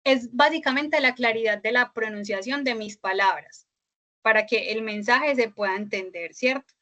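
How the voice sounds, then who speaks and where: A woman teaching a class online, her voice bright, forward and a little high. She explains step by step, fills pauses with "eh" and checks in with her listeners after each point. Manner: explanatory, many "eh" fillers and tag "¿cierto?". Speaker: instructor.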